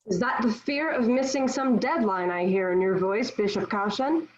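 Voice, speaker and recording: A woman playing a proud, sharp-tongued young Joan of Arc in a dramatic script read, defiant, sardonic and declamatory. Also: mid-range voice, normal speed, close to an everyday voice. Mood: firm, righteous. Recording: dull, lo-fi video call audio.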